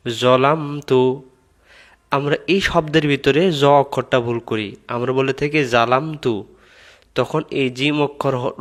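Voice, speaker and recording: A man teaching the correct pronunciation of a prayer, reciting words slowly and breaking them into syllables. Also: mid-range voice, a bit bright. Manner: slow, drawn-out recitation of Arabic words, repeated syllable by syllable; patient, instructive explanation. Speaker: religious teacher.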